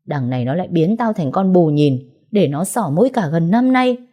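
A woman voicing a brash, heartbroken young woman who speaks loudly and bluntly in speech, as an audiobook character. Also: on the low side, lively intonation, normal speed. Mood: emotional. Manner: loud, blunt, emotional.

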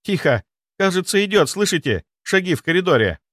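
A man voicing an alert young woman who speaks with tense, hushed urgency. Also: high voice, sing-song, brisk, no echo, studio quality, voice pushed up, heavily acted.

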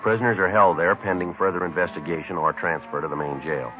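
An actor playing a male police detective who narrates in a clipped, flat, matter-of-fact way. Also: low voice, quick pace, lightly acted. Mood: narrating. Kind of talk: 1950s radio police drama narration. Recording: tinny old radio broadcast with faint music.

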